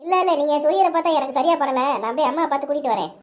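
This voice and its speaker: A woman's voice: sits high, slight background noise, natural voice. A woman voicing a bossy young boy in a cartoon who tattles to his aunt. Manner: rapid, bossy chatter.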